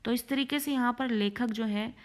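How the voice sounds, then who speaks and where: A woman teacher with a somewhat high voice reads a short story aloud and explains it as she goes. Her delivery is measured and explanatory, a steady classroom reading. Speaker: Hindi teacher.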